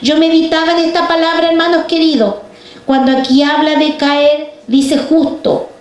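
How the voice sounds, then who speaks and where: A woman delivers a fervent sermon in a high, ringing voice. She keeps turning to the congregation with questions. Her voice bounces around a roomy church hall. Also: little pitch movement, moderate pace. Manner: fervent, addresses the congregation directly with rhetorical questions. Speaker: preacher.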